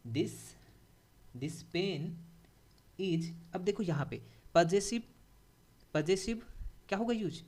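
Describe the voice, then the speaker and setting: A young Indian-accented man teaching a grammar lesson. He is a native Hindi speaker who keeps restating each rule. He asks the class questions with lively energy. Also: high voice, slow pace, pauses often. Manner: repeats key points, asks the class questions, animated.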